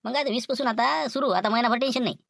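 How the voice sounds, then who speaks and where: A woman's voice: a little high, creaky, fairly bright tone, dry recording, studio quality. A woman with a Varhadi Marathi accent playing an anxious accomplice who keeps warning against the plan. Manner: anxious, cautioning, very rapid. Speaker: worried accomplice in a comedy skit.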